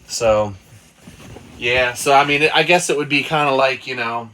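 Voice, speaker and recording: A man's voice: medium pitch, a little slow, sharp tone. A man reading the Bible aloud with his child and then explaining it in loose, casual talk. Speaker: father leading family Bible study.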